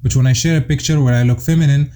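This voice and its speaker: A young man from Morocco talks through a scripted commentary in a steady, explanatory way. His voice is very dark and mellow. He sits at middle pitch and lays out his points in order, like a list. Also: quick pace. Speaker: YouTube commentator.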